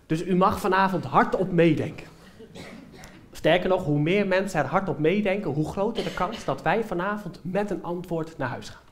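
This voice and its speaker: A young man doing a stand-up comedy monologue on a theater stage, telling an animated story straight to the live audience. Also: sits high, normal speed. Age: young adult.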